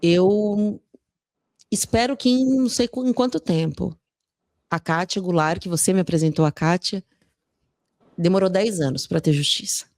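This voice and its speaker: Soft-spoken woman podcast host. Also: lowish voice, no room sound. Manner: gentle, slow, searching questions. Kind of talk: emotional interview.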